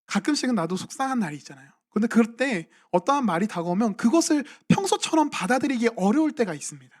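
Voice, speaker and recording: A man's voice: extremely high pitch, lively intonation, fast talker. A young man, a junior pastor, preaching a sermon in a church and asking his congregation questions in a conversational way. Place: church sanctuary at a midweek evening service.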